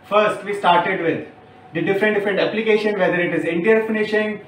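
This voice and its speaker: A man with an Indian English accent hosts a tool demo, steering with questions and summaries. His voice is notably high. The recording is very echoey and distant, with a faint noise bed. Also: fairly even intonation, fast, a bit bright. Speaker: show host. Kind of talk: hosting a product demo. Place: construction site.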